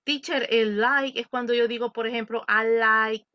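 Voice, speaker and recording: A woman teaching English in an online class, modeling phrases slowly with careful intonation. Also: a little high, steady tone, dry recording. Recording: dull lo-fi dry recording.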